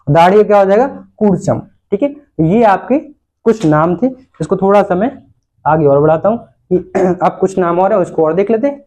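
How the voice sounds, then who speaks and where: In a recorded lesson video with dull audio, a male Sanskrit teacher speaks in a high, darkish voice. He lectures classroom-style, repeating words and posing questions that he then answers himself.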